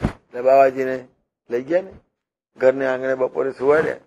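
A man preaching a devotional sermon, teaching slowly and repetitively with rhetorical questions and parables. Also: medium pitch, fairly even intonation, darkish tone, dull audio. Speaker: religious preacher.

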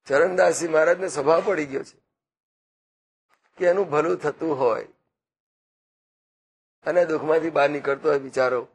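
Male spiritual speaker, husky, unhurried parable-telling sermon style. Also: on the high side, steady tone. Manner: slow, repetitive parables with quoted dialogue. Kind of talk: devotional discourse.

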